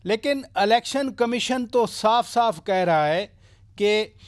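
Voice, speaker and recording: A middle-aged man with a Pakistani Urdu accent, hosting a formal current-affairs talk show with a brisk anchor delivery and probing questions. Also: high-pitched, expressive.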